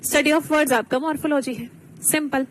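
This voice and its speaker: Lady teacher on a live class, high voice, slow explaining, faint hiss behind. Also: fairly even intonation, rough recording. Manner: explains slowly, mixes English terms, quizzes students. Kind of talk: online exam-prep lesson.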